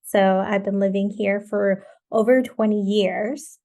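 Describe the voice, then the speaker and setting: A woman's voice: medium pitch, fairly even intonation, measured pace, creaky, mellow. A woman in her thirties from Colombia, a wellness coach guest on a podcast, who talks in a rambling way with many "you know" and "like" fillers. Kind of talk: casual podcast interview.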